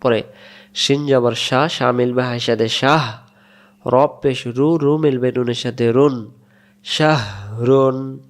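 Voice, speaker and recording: Slow, patient Bangladeshi man teaching. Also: mid-range voice, fairly even intonation. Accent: Bangladeshi Bengali. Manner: patient, drills syllables and repeats words slowly. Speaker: Quran reading teacher. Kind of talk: slow spelled-out recitation lesson.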